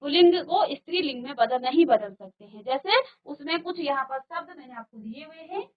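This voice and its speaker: A woman teaching a grammar lesson to a virtual class, slowly and patiently, repeating word pairs and asking the class questions. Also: high voice, expressive, narrow, tinny audio. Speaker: Hindi teacher. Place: studio.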